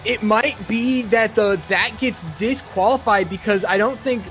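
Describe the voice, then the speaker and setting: A man's voice: high voice, measured pace, a bit bright, faint music behind. A man giving color commentary on a live game, chatty and analytical, often using fillers.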